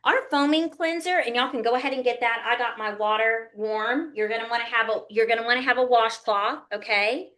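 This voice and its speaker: Her voice on the high side and a bit bright, a woman in her early 50s talks fairly quickly with few pauses and fairly even intonation. She's a skincare consultant giving a chatty, folksy live online demo, frequently checking in with listeners.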